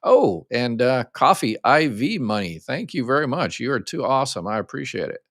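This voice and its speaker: A man's voice: mid-range voice, sing-song, moderate pace, fairly bright tone, no room sound, studio quality. An older American man hosting a live question-and-answer stream, explaining things casually step by step with frequent ums and restarts. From United States. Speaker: host answering viewer questions. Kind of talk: live Q&A chat.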